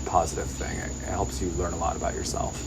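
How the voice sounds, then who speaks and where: Over a noisy crowd, a deep-voiced man talks fast with a completely flat delivery and vocal fry. As an interview guest, this singer-songwriter and digital nomad from Los Angeles answers casually in a Californian American accent, saying "like" constantly.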